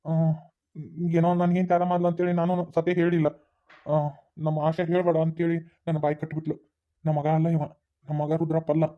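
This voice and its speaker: A man's voice: on the high side, lightly acted. A man voicing a sorrowful village father. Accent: North Karnataka Kannada. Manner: slow, flat and sorrowful. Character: middle-aged village father, sad and confessing. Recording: tinny phone-like sound.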